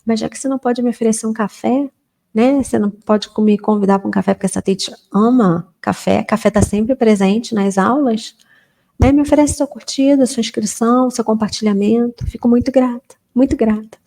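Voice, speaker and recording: A Portuguese-speaking English teacher gives a relaxed, chatty, informal lesson for beginners, slowing down to drag out each example sentence clearly. Her voice is a little high, with a mellow, darker tone and a steady gravelly fry.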